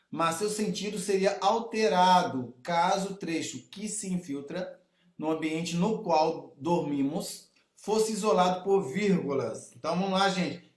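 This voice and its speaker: A Brazilian man teaching Portuguese grammar to exam candidates, lively, talking straight to his students and repeating the key rules. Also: high-pitched. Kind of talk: exam prep lesson. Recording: echoey room.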